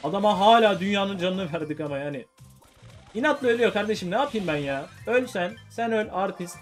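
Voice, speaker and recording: A man giving excitable, chatty commentary on his own gameplay, talking to viewers and teammates. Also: high voice, fairly quick, faint music behind. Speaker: gaming YouTuber.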